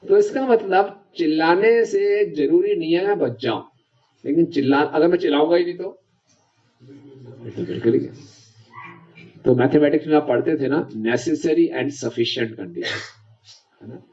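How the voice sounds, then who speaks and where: Heard on a dull lo-fi recording, a preacher gives a devotional lecture, chatty and repeatedly checking whether listeners are following. His voice is fairly high with a darkish tone and vocal fry, a little slow, with long pauses.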